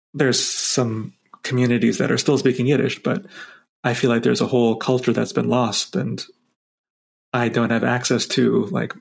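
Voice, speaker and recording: With a gravelly, mid-range voice carrying a breathy edge, another co-host talks through the week's Torah portion. His casual reflections spill out in run-on phrases peppered with "like."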